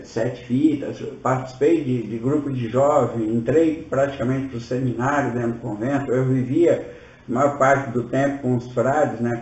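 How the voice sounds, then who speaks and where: A man's voice: mid-range voice, a little mellow. A man of about sixty with a Brazilian accent, giving an informal workshop talk as a spiritual teacher. He tells stories in a chatty way and often ends sentences with tag questions. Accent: Brazilian Portuguese. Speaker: spiritual teacher presenting his course. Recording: roomy, distant, dull-sounding.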